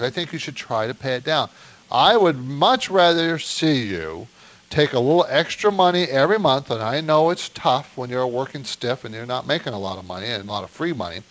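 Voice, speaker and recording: A man hosting a radio call-in show, giving explanatory, unscripted financial advice and posing questions he answers himself. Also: mid-range voice.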